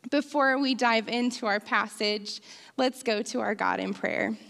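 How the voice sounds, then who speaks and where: Young woman preaching, slow and kinda high voice, church echo. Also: creaky, a bit bright. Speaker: interim women's ministries director, preacher. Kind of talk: sermon. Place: church sanctuary. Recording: long hall reverb.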